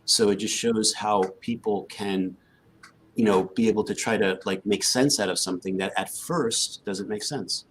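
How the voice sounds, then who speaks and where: A man's voice: fairly low pitch, normal speed, slight background noise, rough recording. A man hosting a live stream, talking loosely and conversationally and filling his speech with "like". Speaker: host. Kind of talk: casual live-stream talk.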